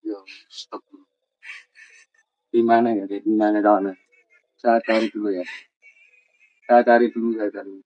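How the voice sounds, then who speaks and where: Tense low-voiced man filming alone at night. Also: flat delivery, moderate pace, pauses often, no room sound, dull audio. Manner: tense, repeats short urgent calls to listen; muttering prayers under breath. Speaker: solo camping vlogger. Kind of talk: hushed on-the-spot night vlog narration. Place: outdoors at night in the woods.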